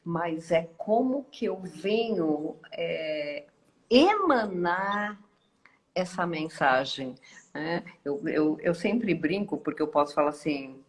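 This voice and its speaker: A woman with a Brazilian Portuguese accent, a guest speaker giving a reflective live-stream talk with many pauses and tag questions. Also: lowish voice, lively intonation. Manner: slow, thoughtful, with frequent pauses and tag questions. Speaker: guest speaker and course teacher.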